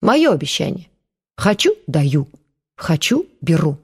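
Shrewd old village aunt, blunt and mocking, low voice, read by a woman narrator. Audiobook. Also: big pitch swings, a little slow, slightly rough, heavily acted. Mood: stubborn.

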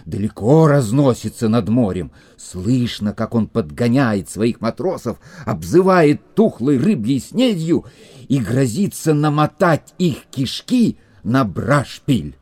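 An actor playing a rational, bookish little bug companion who explains precisely and gets flustered easily in a children's audio drama. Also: male voice, medium pitch, sing-song, slow pace, darkish tone. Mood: storytelling, reassuring.

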